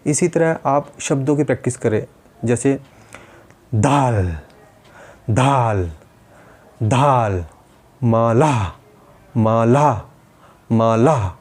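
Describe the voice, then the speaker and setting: A man's voice: medium pitch, dark tone. A man teaching a speech-therapy lesson, patiently demonstrating and repeating sounds step by step.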